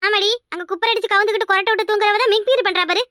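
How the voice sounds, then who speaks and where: Cartoon: a nagging Kanyakumari mother-in-law, very high, fast, shrill, dry studio. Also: steady tone, pushed and bright, dry recording. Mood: scolding. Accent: Kanyakumari Tamil. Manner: scolding, quick and shrill. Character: sharp-tongued older village mother-in-law. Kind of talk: cartoon voice acting.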